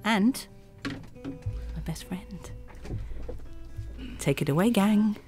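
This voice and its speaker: A woman's voice: medium pitch, expressive, extremely slow, a little mellow, soft background music. A woman hosting a live hospital radio show from a small studio, bubbly and teasing, often giggling between lines.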